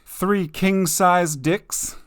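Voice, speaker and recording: Slow-talking joking male game commentator. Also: sits high, steady tone, no echo, studio quality. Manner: joking, mock-outraged, slow deliberate punchlines. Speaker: gaming video host. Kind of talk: casual let's-play commentary.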